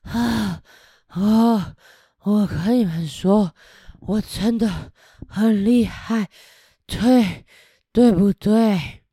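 A boastful fire-breathing dragon from a children's storybook, put on by a woman storyteller. He brags loudly and lively, his voice swinging up and down with drawn-out whooshes. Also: fairly high pitch, dry recording, studio quality. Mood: exhausted. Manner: bragging, loud, drawn-out whooshing.

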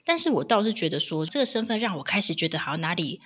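A woman chats casually on her podcast. Her voice is bright, with a slightly husky, breathy edge. She tells stories with lively energy and acts out other people's lines. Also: lowish voice, fast talker. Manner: animated storytelling, acts out voices with laughs. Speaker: podcast co-host. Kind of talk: casual chat.

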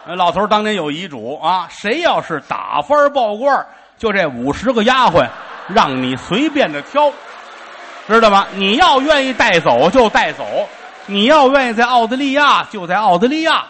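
Male comic in a crosstalk duo: lively pitch, spins tall tales with gusto. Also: moderate pace, slight background noise. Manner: animated, exaggerated storytelling. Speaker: crosstalk comedian. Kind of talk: live comedic crosstalk.

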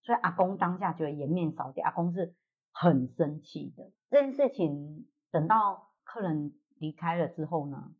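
A woman with a Taiwanese Mandarin accent, hosting a casual chat show and telling a family story in a lively way, voicing the relatives she quotes. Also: low voice, slightly rough. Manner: animated retelling, acting out relatives' quoted lines. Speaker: podcast host. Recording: tinny phone-like audio.

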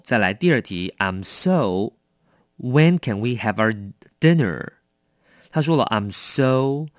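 A man's voice: medium pitch, dry recording, clean studio sound. A man teaching English vocabulary in a chatty, explanatory way, asking rhetorical questions. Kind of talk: vocabulary lesson explained in Mandarin.

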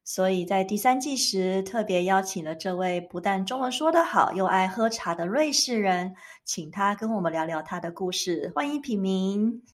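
A woman hosts a podcast interview in an expressive way, reacting with exclamations. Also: mid-range voice, normal speed, hardly any pauses. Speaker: podcast host.

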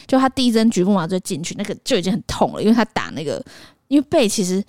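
A young woman, co-hosting a podcast and telling a personal story in a lively way that includes some swearing. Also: medium pitch, rapid-fire, dry recording, clean studio sound. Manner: animated, vivid retelling with mild swearing. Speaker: podcast co-host. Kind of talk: casual chat, personal storytelling.

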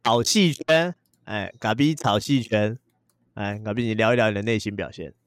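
A man's voice: fairly low pitch, no room sound, clean studio sound. A man, co-hosting a podcast in casual chat and telling self-deprecating stories. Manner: fast, joking, self-deprecating storytelling. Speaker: podcast co-host.

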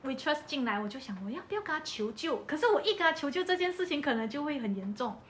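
A woman with a Malaysian Mandarin accent talks fast in a high-pitched voice, with a little hiss or hum in the recording. Chatting casually on a podcast, she tells a personal story and energetically acts out the quoted dialogue.

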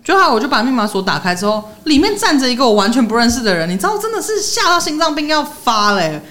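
A young woman, co-hosting a podcast and telling stories in a lively way, laughing often. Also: sits high, fast talker. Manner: animated storyteller, laughs often. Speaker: podcast co-host. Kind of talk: casual chat.

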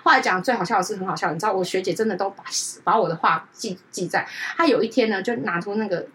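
A woman, telling a story in casual chat as a podcast co-host and often checking in with her listener. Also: fast. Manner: animated, keeps asking "you know?"; jumps into high-pitched voices when quoting others.

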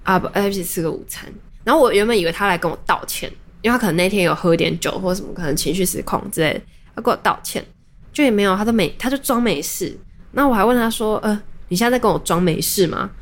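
A woman's voice: medium pitch, expressive, quick pace. A young adult woman, hosting a podcast and telling a personal story in a casual, rambling way with many restarts. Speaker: podcast host.

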